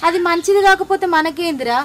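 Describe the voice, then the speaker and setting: A woman's voice: very high voice, fairly quick, a little hiss or hum. An actress with a Telangana Telugu accent playing a grieving, worried middle-aged village mother who laments and pleads through tears. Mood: pleading. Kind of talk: family drama acting. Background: background music.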